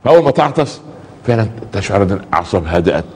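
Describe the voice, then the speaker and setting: Preaching in a chatty, colloquial style, a man with a very low voice and an Egyptian Arabic accent talks fast, sprinkling in repeated pious exclamations and acting out little dialogues. His pitch swings widely and his tone is a little mellow. A long reverb from the room trails his voice, with slight background noise.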